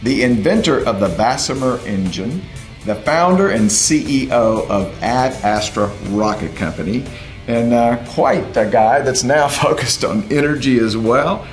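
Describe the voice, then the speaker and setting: A man hosting an interview show, upbeat and quick with short affirmations. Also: medium pitch, animated. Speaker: show host. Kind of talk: interview host. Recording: roomy sound with faint music.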